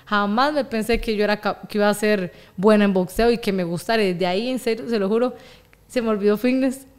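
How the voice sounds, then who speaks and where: A young woman with a Costa Rican accent, telling her story as an interview guest, lively and laughing often. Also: mid-range voice, fairly quick, clean tone. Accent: Costa Rican Spanish. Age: young adult. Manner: animated, laughs often, acts out quoted voices. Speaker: guest, boxing champion.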